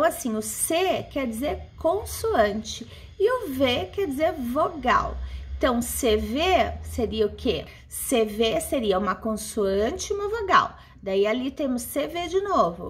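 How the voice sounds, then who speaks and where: Woman, primary teacher, patient, lively sing-song pitch. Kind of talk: explaining homework to children.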